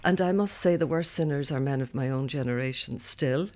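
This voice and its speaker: A woman's voice: a bass voice, fairly quick, a little mellow. An outspoken Irish woman in her seventies, talking freely in a roundtable discussion. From Ireland. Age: 70s. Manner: outspoken, talkative. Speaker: roundtable guest. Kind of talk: casual discussion.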